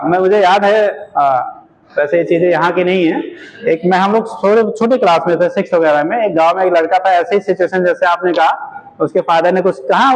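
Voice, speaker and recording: A man's voice: sits high, low-quality recording. A male physics teacher giving a classroom lecture, addressing his students as "beta" and repeating his questions for them to answer.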